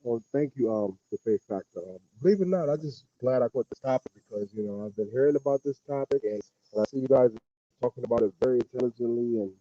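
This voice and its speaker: Stream caller, male, muffled as if through a wall over a dull, low Bluetooth mic, halting and casual. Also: dark tone, dry recording. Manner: halting, full of fillers. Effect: muffled and low, as if heard through a wall. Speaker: caller on a live stream panel. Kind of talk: casual chat. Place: outdoors.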